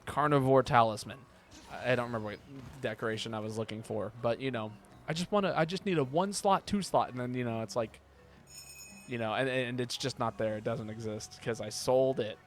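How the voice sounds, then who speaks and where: A man's voice: mid-range voice, a little fast. A man streaming a video game, chatting casually and rambling as he thinks aloud. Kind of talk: casual live gaming commentary. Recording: clear background noise.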